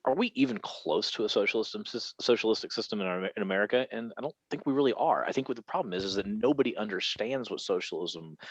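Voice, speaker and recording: A man co-hosting a casual podcast chat, animated, repeating words and laughing often. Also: on the low side, fast talker, few pauses, husky, no room sound, lo-fi sound. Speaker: podcast co-host.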